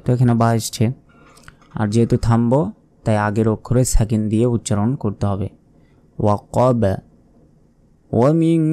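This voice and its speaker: A man with a Bangladeshi Bengali accent teaching a Quran recitation lesson, explaining pronunciation and chanting verses slowly. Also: lowish voice, warm tone.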